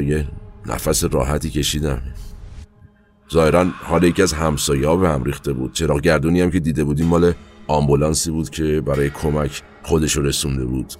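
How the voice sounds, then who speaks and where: A man narrating his own past in a colloquial, halting way, with asides and trailing fillers, over faint background music. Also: extremely low pitch. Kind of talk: first-person spoken recollection.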